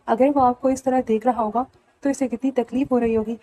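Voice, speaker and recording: A woman's voice: fairly high pitch, steady tone, mellow, no echo, natural voice, rough recording. A woman reading the lines of a caring but stubborn young woman in an audiobook, earnest and coaxing. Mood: pleading.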